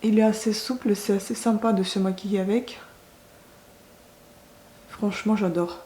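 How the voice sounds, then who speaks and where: A beauty vlogger chats casually to the camera while doing her makeup, often hesitating and correcting herself. Her mid-range voice is warm, with fairly even intonation and a moderate pace. The recording has a roomy echo and faint background noise.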